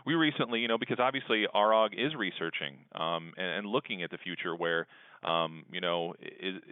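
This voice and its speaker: A man calls in to a conference call and sounds thin and phone-like, with no room sound around him. His voice is very deep, and he talks emphatically, working out his thoughts as he speaks. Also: fairly quick, clean tone, no echo. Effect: heard over a conference call phone line. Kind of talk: conversational discussion. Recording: dry, tinny phone-line audio.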